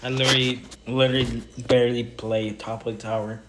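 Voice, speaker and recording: A man streaming a game, talking casually to his chat in quick rambling bursts and restarts. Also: mid-range voice, flat delivery, background noise. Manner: rambling, talks to chat while playing; quick bursts, trailing off mid-sentence. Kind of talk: casual gaming livestream chat.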